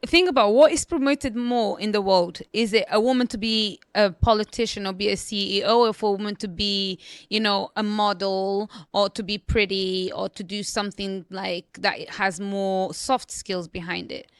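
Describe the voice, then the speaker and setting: A young adult woman who immigrated and grew up in the UK, English not her first language, appears confidently and emphatically as a podcast guest in a conversational interview, often repeating "you know what I mean." Her mid-range voice is clear and resonant, with fairly even intonation, moderate pace, and hardly any pauses. The recording is dry, clean studio sound.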